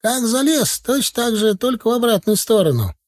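A man doing a high cracked old village grandpa. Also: very animated, unhurried, a little mellow, exaggerated voice. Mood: fretful. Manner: rustic dialect, fretful.

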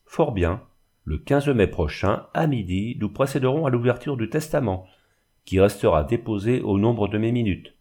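A man reading aloud, voicing a polite, indifferent notary in a measured, formal manner. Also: lowish voice, lively intonation, mellow, lightly acted. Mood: calm.

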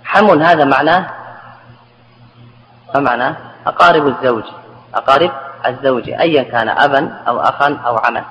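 A man's voice: medium pitch, a little fast, long pauses, a bit bright, dull audio. A man teaching a grammar lesson, explaining step by step, repeating word forms and quizzing his students. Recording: reverberant hall, faint background noise.

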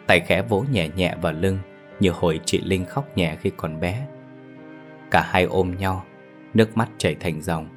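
A man narrating a ghost story as a storyteller, with a measured, dramatic delivery. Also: sits low.

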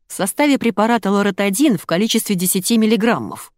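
A woman reader plays a cheeky young pharmacist with a sarcastic, conspiratorial manner. Her pitch rises and dips brightly, in a close, dry storybook read. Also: big pitch swings, a little fast, dry recording, natural voice.

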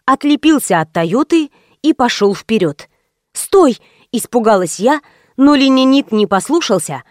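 A woman narrating an audiobook in the first person, with lively, ironic storytelling. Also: mid-range voice, no room sound, clean studio sound.

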